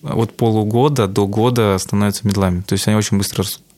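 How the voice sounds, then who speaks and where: A man answering questions casually as a software development lead in an interview. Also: on the low side, fairly even intonation, fast, no echo.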